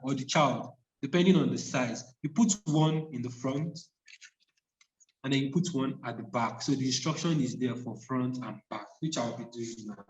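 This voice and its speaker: A man's voice: mid-range voice, moderate pace, darkish tone, muffled recording. A man working as a first aid trainer, narrating a live hands-on demonstration step by step and repeating key points. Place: indoor room, speaking away from the mic. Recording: echoey room, distant microphone.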